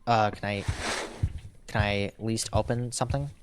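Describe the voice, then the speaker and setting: A man's voice: on the low side, steady tone, moderate pace, heavy background noise. A man commenting on a game as he plays, reading text aloud and musing to himself in a thoughtful way. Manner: thoughtful, reflective, talks to himself while playing. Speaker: gaming YouTuber.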